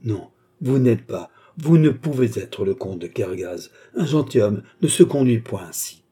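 A man's voice: on the low side, lively intonation, a little slow, mellow, husky. A man voicing a frightened young noblewoman in an audiobook, speaking with raised, urgent pleading. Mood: refusing.

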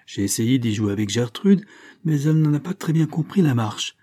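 A man voicing an eager young boy in a read-aloud storybook, lively and earnest. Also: medium pitch, moderate pace, pitched above the performer's own voice, lightly acted. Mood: excited. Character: eager, bright young boy, a little lord.

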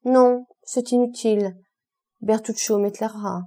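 A woman's voice: fairly high pitch, steady tone, unhurried, warm tone, lightly acted. A woman reading the part of a commanding aristocratic count in an audiobook, imperious, dry and mocking toward his servant. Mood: cool commanding. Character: commanding aristocratic male count, cool and ironic.

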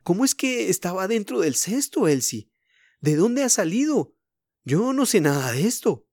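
A man voicing a gentle, patient mother who speaks in a soothing but firm way. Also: sits high, big pitch swings, moderate pace, no echo, studio quality, pitched above the performer's own voice, full character voice.

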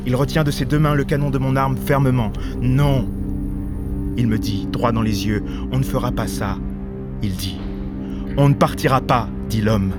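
A man's voice: mid-range voice, normal speed, loud music behind the voice, close to an everyday voice. A man playing a cold, insistent armed man. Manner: flat, insistent repetition, shouts quoted lines. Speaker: stage actor. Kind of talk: theatrical monologue.

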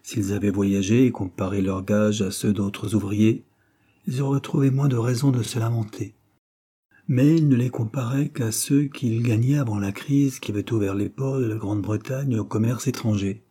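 Male audiobook narrator, measured, low, husky, dark. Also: fairly even intonation. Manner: measured, addresses the reader. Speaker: audiobook reader.

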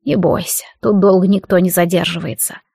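Audiobook role: woman voicing a hardened male prisoner, slow, rough and blunt, in a dry close recording. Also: high-pitched, fairly even intonation, darkish tone, dry recording. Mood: grim. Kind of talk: audiobook character voice.

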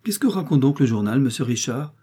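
A man's voice: mid-range voice, expressive, brisk, warm tone, husky, voice pushed up. A man reading aloud and voicing a male pharmacy customer who talks in an offhand, chatty way.

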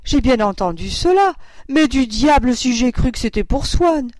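A woman's voice: high voice, expressive, moderate pace, darkish tone, dry recording, pitched above the performer's own voice. A woman voicing a blunt, indignant grandfather in a classic novel read aloud, speaking emphatically. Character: bluff, blunt grandfather of the household.

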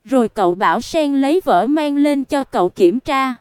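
A woman's voice: high-pitched, lively intonation, darkish tone, clear, resonant tone, no echo, studio quality. A woman reading a story aloud as an audiobook narrator, voicing the characters' dialogue in turn. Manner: reads unhurried, voices characters' dialogue in turn.

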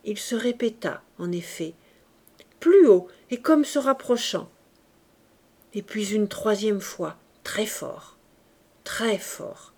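A woman reads a classic story aloud at an unhurried, deliberate pace. Her pitch sits in the middle range. She narrates steadily and voices the characters' exchanges as she goes. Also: lively intonation, a little mellow. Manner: slow, measured reading with voiced dialogue. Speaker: audiobook reader. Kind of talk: scripted narration.

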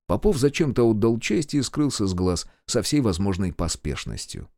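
A man reading an audiobook in a measured, expressive narrating manner. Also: lowish voice, dry recording, clean studio sound. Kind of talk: scripted narration.

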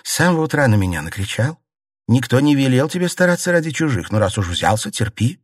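A man reading aloud voices a proud, sharp-tongued young noblewoman who runs a grand household, raising his voice and speaking bitterly. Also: mid-range voice, sing-song, fast, no echo, clean studio sound, voice pushed up. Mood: arguing. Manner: imperious, bitter, scolding.

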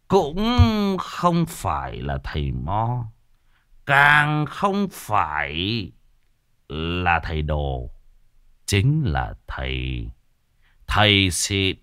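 A man's voice: low voice, bright, forceful tone, dry recording, studio quality, exaggerated voice. Man doing a boastful ghost-hunting showman. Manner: bragging, drawn-out delivery.

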